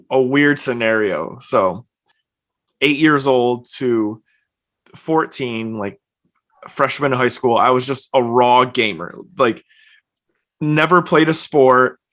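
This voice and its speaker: A man's voice: medium pitch, slow. A young man, a guest on a podcast, who talks in a loose, chatty way and fills his speech with "like.". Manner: relaxed, chatty, uses lots of fillers like "like". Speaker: podcast guest, streamer and personal trainer. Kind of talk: casual interview chat. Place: home, evening.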